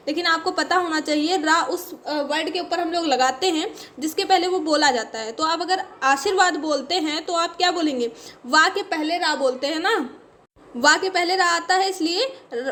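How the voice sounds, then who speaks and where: Woman teacher going through spelling for an exam, patient, keeps checking in, high voice. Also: a bit bright, a little hiss or hum. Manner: explains patiently, says "ठीक है" constantly. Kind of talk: spelling lesson for exam prep.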